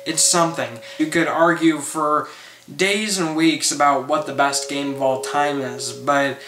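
A man's voice: a little high, fairly even intonation, measured pace. A man talking thoughtfully to camera about why games matter. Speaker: gamer interviewee. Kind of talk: personal reflection to camera. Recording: echoey room with hum.

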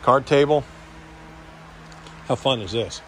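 Talking slowly in a mid-range voice, a man who works as a real estate agent leads an unscripted walkthrough tour in a casual, folksy, offhand, jokey way. The recording carries a little hiss or hum.

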